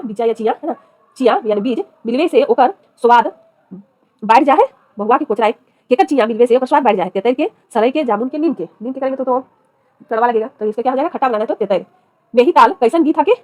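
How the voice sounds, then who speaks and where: A woman, speaking fast in a fairly high voice, runs through quiz questions one after another. She reads each question and its options, then announces the correct answer. The recording is dry and close. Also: darkish tone, no room sound. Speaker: exam-prep teacher.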